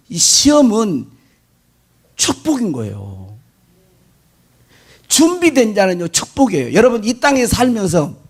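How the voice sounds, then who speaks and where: Man, pastor, sermon, high voice, big swooping pitch, rhetorical questions to the pews. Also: husky. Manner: animated preaching, constant rhetorical questions to the congregation; mimics worshippers' prayers and complaints mid-sermon.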